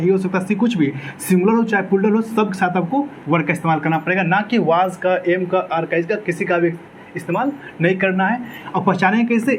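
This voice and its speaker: A man's voice: sits high, slight background noise, poor audio. A man teaching an exam-prep English grammar lecture, asking his own questions and answering them, repeating key words.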